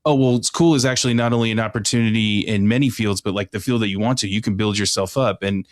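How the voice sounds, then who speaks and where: A man in his thirties from Oklahoma, a guest candidate chatting in a podcast studio with quick restarts and fillers. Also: on the low side, fairly even intonation, no room sound. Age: 30s. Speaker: city council candidate, guest. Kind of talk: casual podcast conversation.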